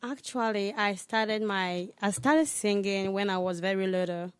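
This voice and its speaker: Young woman, smooth clear voice. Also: mid-range voice, fairly even intonation, unhurried, no echo. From Cameroon. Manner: earnest, with casual "like" fillers. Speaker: singer and guest. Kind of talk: radio interview. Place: radio studio.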